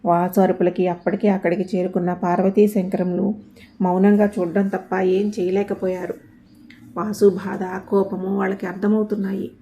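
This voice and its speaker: A woman narrating a story in a steady, even reading voice. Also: mid-range voice, gravelly, a little hiss or hum.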